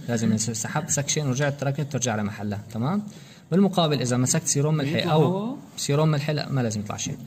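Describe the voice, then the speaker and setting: A man's voice: mid-range voice, darkish tone, a little hiss or hum. A man giving a practical anesthesia lecture, explaining procedure steps and quizzing students with rhetorical questions. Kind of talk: practical medical demonstration.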